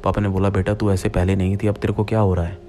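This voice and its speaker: A man's voice: low voice, little pitch movement, fast, mellow, faint music behind. A young man narrating a true-style horror story in the first person, speaking directly to his listeners as friends in a plain retelling voice.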